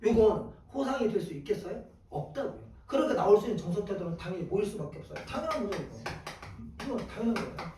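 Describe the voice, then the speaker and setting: A male teacher giving a classroom lecture. He asks questions and answers them himself in a lively way. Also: high voice, fast talker, background noise. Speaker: Korean exam prep teacher. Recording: echoey room from a distant mic.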